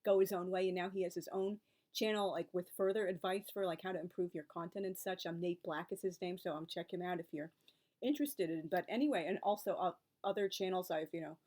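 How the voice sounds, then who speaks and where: In a fairly low, slightly mellow voice and at a brisk pace, a forty-something book and author video creator chats through her own experiences in a reflective vlog. She's rambling and full of asides and tangents, turning wry and exasperated when she gets to advice from others.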